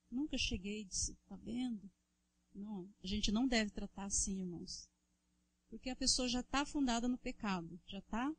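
A woman's voice: mid-range voice, slightly rough, rough recording. A middle-aged Brazilian woman giving an emotional church testimony and sermon, speaking to the congregation as brothers. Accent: Brazilian Portuguese. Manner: emotional, addresses listeners as brothers.

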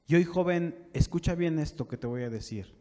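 A man preaching a sermon to young people, building from calm talk to fervent shouting. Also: fairly high pitch, moderate pace. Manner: preaching with rising fervor, shouting at peaks. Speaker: pastor. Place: church sanctuary. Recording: long church reverb.

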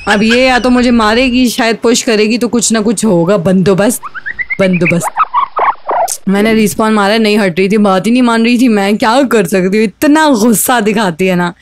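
A woman streamer giving excited, teasing gameplay commentary and trash-talking her rival. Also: medium pitch, moderate pace, background noise. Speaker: gaming streamer.

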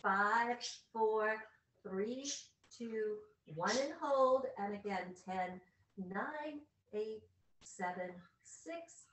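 A woman's voice: a little high, very slow, a bit bright. A woman leading an exercise class in short, directive coaching cues and counts while working out on the mat herself. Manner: physically exerting while talking, lying on mat. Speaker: fitness instructor. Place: large wood-panelled living room. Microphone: far camera on a video call. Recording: echoey living room, distant video-call mic.

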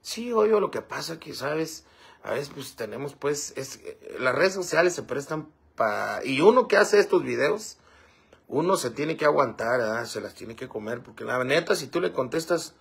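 Gravelly husky man chatting. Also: on the high side, animated, moderate pace. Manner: rambling, fillers like "este" and "¿verdad?". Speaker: livestream host reading comments. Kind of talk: casual livestream chat.

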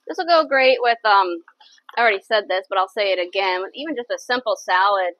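A woman's voice: medium pitch, brisk, a bit bright, no room sound, low-quality recording. Chatty woman hosting a cooking show. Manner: chatty, enthusiastic, repeats herself. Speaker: cooking channel host. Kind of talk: casual live cooking chat. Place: home kitchen.

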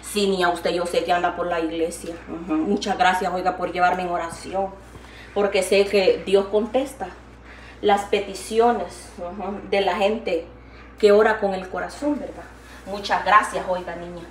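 A woman's voice: lowish voice, fairly even intonation, normal speed, a little hiss or hum. An older woman, chatting affectionately to camera in her home kitchen, upbeat and laughing often. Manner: chatty and affectionate, calls viewers "niña" and "hija linda". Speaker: vlogger. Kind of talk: casual chat to camera while cooking. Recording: echoey room, mic at some distance.

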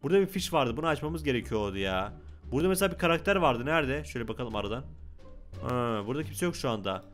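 A young man giving excited Let's Play commentary as a gaming YouTuber, exclaiming and talking to the game characters. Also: mid-range voice, fast talker, faint music behind.

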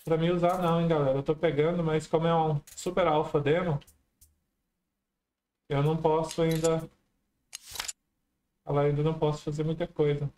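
Chatting with his viewers, this streamer comments casually on his own gameplay, exclaiming often. His voice is a little high and a little mellow, with a level tone; he speaks at normal speed and pauses often in this let's-play commentary.

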